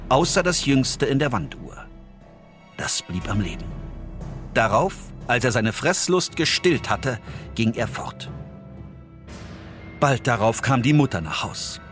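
A man reads a fairy tale aloud with an animated, rising and falling voice. He drops low and soft at tense moments, over quiet background music. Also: a little slow, pauses often. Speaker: narrator.

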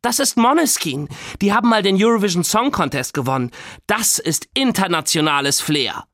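A man's voice: animated, moderate pace, a bit bright, no room sound, clean studio sound. A man doing a whiny cheeky young girl.

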